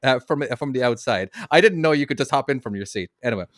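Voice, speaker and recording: A man co-hosting a casual podcast, telling lively stories with quick restarts. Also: mid-range voice, no echo, studio quality. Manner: quick, animated storytelling with restarts. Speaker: podcast co-host, truck driver.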